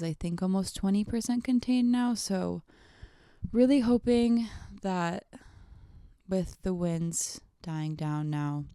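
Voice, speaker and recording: A young adult woman, hungover, chatting casually on her solo podcast in a halting, rambling way that often trails off, with vocal fry. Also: fairly low pitch, mellow, no room sound, studio quality. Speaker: podcast host.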